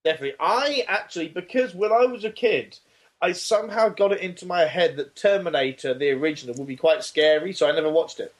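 A man co-hosting a podcast, talking casually in a rambling, jokey way with halting restarts. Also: on the high side. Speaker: podcast co-host. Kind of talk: casual chat.

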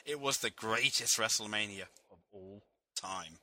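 A man's voice: lowish voice, unhurried, sharp tone. A man co-hosting a podcast, reading a comic story aloud and stumbling over words. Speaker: podcast co-host.

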